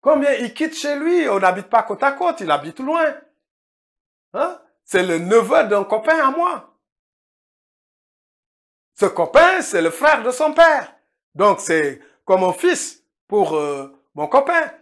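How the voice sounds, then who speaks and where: A middle-aged man teaching a language lesson, first scolding his students and then explaining words, repeating them slowly. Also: very high-pitched, big pitch swings, fairly bright tone. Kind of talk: lecture-style language lesson. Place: indoor room, filmed by a cameraman.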